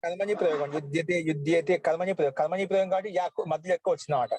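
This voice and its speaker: A man teaching Sanskrit grammar, slowly reciting verb forms one by one. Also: fairly high pitch, fairly even intonation, darkish tone, no room sound, rough recording. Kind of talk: online class lesson.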